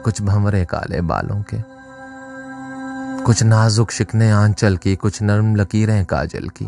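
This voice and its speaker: A man reciting a nostalgic poem slowly, with long lingering pauses. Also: fairly low pitch, vocal fry. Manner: slow, lingering, wistful recitation. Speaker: poetry reciter. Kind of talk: slow poetry recitation over music. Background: music.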